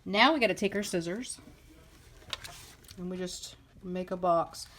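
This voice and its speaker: Speaking very slowly in a slightly low voice, a woman leads a hands-on craft tutorial, thinking aloud in an informal way. She's working at a table indoors, and the home recording is clearly noisy, with clicks.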